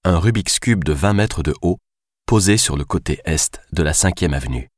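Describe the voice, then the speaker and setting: A man narrating a novel as an audiobook in a measured, even way. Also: deep voice, no room sound, clean studio sound.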